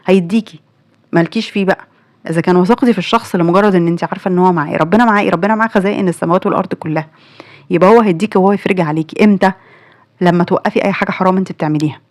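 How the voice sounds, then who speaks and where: An Egyptian woman hosts a casual religious advice talk, speaking very quickly and earnestly. Her voice sits a little low for a woman. She keeps pressing her listeners with direct rhetorical questions. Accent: Egyptian Arabic. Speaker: channel host.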